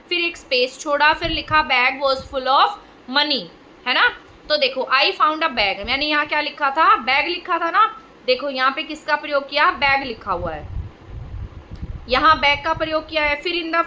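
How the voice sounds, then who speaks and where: High, bright-voiced woman teacher. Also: a little hiss or hum, low-quality recording. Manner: keeps asking rhetorical questions, repeats words slowly. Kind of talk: exam prep grammar lesson.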